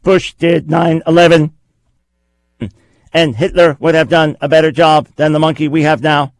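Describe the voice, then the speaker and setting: A man's voice: on the high side, flat delivery, moderate pace, dry recording, lightly acted. A man doing a mock robot voice. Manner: mock robot voice, raised and louder. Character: offensive tweeting AI robot, mechanical, male. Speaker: radio talk show host. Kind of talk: talk radio monologue.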